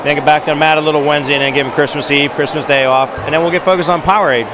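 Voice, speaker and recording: A middle-aged man talks fast and animated in a postgame interview, his voice sitting a little high. He holds a handheld mic in a big high school gym, with the crowd noise clearly heard behind him. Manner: animated, gesturing while standing. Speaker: wrestling coach. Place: high school gym, large indoor space. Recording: noisy gym background.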